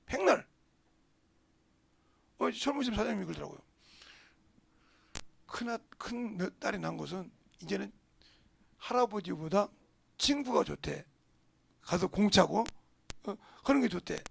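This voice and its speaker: Older male pastor preaching. High, gravelly, raspy voice, dry sound. Forceful and blunt, swinging between shouting and muttering. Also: animated, moderate pace, pauses often, no room sound. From South Korea. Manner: forceful preaching, swings from loud outbursts to low murmurs, blunt street words. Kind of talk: sermon. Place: church sanctuary.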